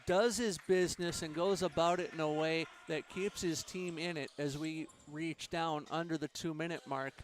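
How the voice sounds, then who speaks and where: A man calls play-by-play for a handball match with a somewhat high voice and a measured delivery. He tracks each pass and save while faint crowd and arena noise hum behind him. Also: fairly even intonation. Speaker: play-by-play commentator. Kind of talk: sports play-by-play.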